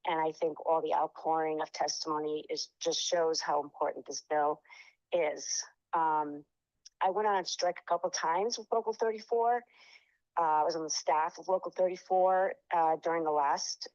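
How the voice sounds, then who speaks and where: A woman's voice: sits low, fairly even intonation, moderate pace, darkish tone, no room sound. A middle-aged woman giving testimony at a public hearing by phone, heard over a speakerphone, hesitant with many ums and uhs. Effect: heard over a speakerphone call. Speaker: union member giving testimony. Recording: dull lo-fi phone sound.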